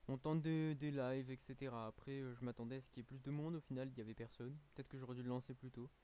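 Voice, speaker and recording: Tired French streamer chatting casually. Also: male voice, medium pitch, fairly even intonation, fast, warm tone. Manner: rambling, many fillers and restarts. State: a little tired. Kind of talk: casual live-stream chat.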